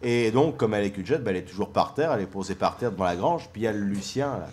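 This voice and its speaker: A man's voice: lowish voice, expressive, rapid-fire, darkish tone. A man hosting a comedy round table, telling a bawdy country joke and acting out its lines. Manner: playful, laughs often, acts out the joke's lines.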